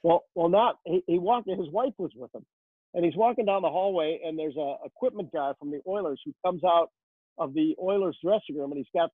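A man's voice: fairly high pitch, fairly quick, husky, no room sound. A man who works as a rinkside hockey reporter answers interview questions in a chatty, storytelling way, full of "uh" fillers. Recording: tinny phone line.

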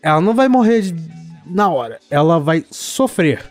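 A man's voice: a little high, big pitch swings, normal speed, soft background music. Indignant, sarcastic Brazilian man ranting. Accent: Brazilian Portuguese. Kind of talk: casual ranting chat.

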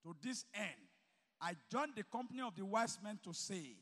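High-voiced, bright preacher in a hall. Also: male voice, animated, moderate pace. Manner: emphatic, swings from quiet asides to loud shouted exhortation. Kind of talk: sermon to students. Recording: reverberant hall.

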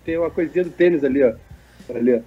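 Jokey co-host: nasal, higher voice, dull lo-fi stream audio. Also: male voice, rapid-fire, breathy edge, soft background music. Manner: joking, reads viewer messages aloud. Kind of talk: casual sports chat.

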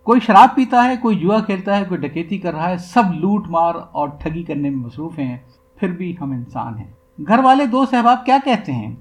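A man reading aloud a recorded interview for a podcast, with the questions pitched higher than the answers. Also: lively intonation. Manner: reads the questions at a raised pitch. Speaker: podcast reader.

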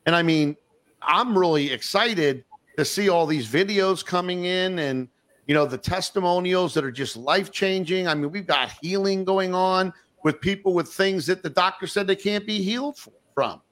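A podcast host with a high, slightly bright voice chats enthusiastically at normal speed on his online show. He rambles along, full of fillers and restarts.

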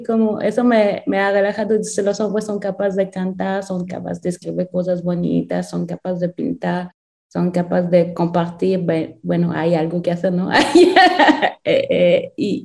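A woman's voice: mid-range voice, vocal fry, mellow. A woman guest on a panel, answering thoughtfully with frequent laughter and many restarts.

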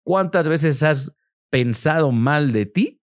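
Male podcast coach, animated and lively, jumps into higher voices to act out inner thoughts. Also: slow pace. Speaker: podcast host, self-help coach. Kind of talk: motivational talk.

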